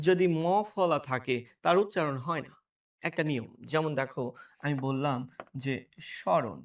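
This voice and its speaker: A man's voice: sits high, far from the mic. A male teacher giving an exam-prep lesson. He asks questions aloud, answers them himself, and keeps checking that students follow.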